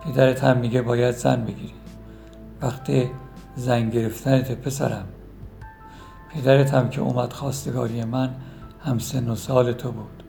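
A man voicing a caring middle-aged mother who keeps urging her son to marry, in a gravelly storybook reading. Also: medium pitch, flat delivery, long pauses, warm tone, faint music behind, natural voice. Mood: insistent. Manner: fussing, pleading.

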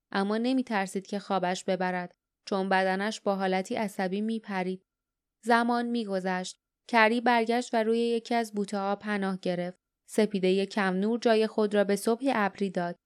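A woman narrating an audiobook in a steady storytelling read. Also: medium pitch, clean tone.

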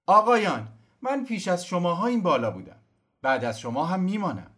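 A man's voice: high voice, expressive, fairly bright tone, voice pushed up. A man reading an audiobook, voicing a stubborn young man who speaks firmly. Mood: resolute. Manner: firm, resolute.

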